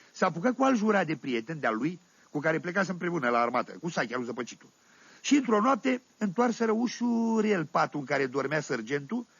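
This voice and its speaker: Un actor care interpretează un sătean oltean de vârstă mijlocie, povestind glumeț și fără șir, cu accent oltenesc, într-o comedie radiofonică. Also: male voice, on the high side, fairly bright tone, slightly rough, no room sound, heavily acted. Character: folksy Oltenian village man telling tales. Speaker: storyteller. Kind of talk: 1970s radio comedy monologue. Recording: dull dry 1978 vinyl radio recording.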